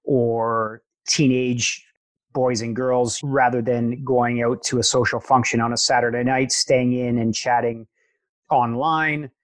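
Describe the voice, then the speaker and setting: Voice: mid-range voice, flat delivery, measured pace. An interview host who asks long, thoughtful questions and affirms often. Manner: thoughtful, affirming listener with frequent backchannels. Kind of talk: casual interview conversation.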